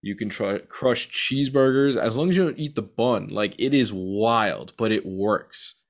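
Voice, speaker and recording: A man with a fairly low voice hosts a podcast in casual chat. He speaks colloquially, as if to a close buddy. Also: unhurried, gravelly. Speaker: podcast host.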